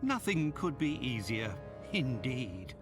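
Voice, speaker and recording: An actor playing Doctor Watson, a courteous, sceptical gentleman in a video game, with a formal, wry manner. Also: medium pitch, sing-song, slow. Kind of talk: video game cutscene acting. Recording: loud music under the voice. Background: music.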